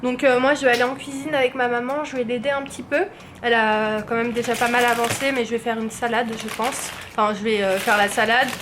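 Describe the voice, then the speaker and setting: A woman's voice: a little high, fairly even intonation, brisk. A woman chatting informally to the camera for a vlog, explaining things with many hesitations. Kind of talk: casual vlog chat to camera. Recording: faint background noise.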